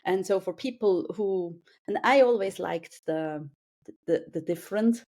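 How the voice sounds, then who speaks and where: A Swiss woman in her forties, appearing as an interview guest, talks casually in a mid-range, slightly mellow voice at a somewhat slow pace. She's hesitant, with many restarts and fillers, and laughs easily.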